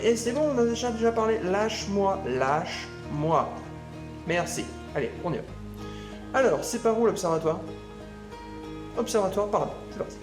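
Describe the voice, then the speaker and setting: A man commenting on his video game as he plays, thinking aloud with excited exclamations. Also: sits high. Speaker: gameplay video host. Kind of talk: live gameplay commentary. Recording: echoey room with game music.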